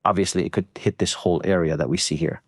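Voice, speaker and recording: A man's voice: low voice, steady tone, fast talker, husky, no echo, studio quality. A man hosting a live stream, delivering breaking news commentary in an explanatory way, repeating points for emphasis.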